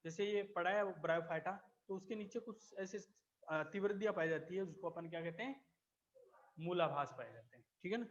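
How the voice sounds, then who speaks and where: Teacher with a higher voice, lo-fi recording. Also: male voice. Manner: explains slowly, repeats key terms, checks with "ठीक है ना". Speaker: biology teacher. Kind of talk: classroom lecture.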